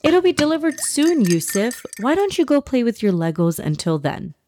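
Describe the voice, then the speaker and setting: A woman voicing a patient, caring mother in a children's story, gently instructing her young son. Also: fairly high pitch, sing-song, moderate pace, pitched above the performer's own voice.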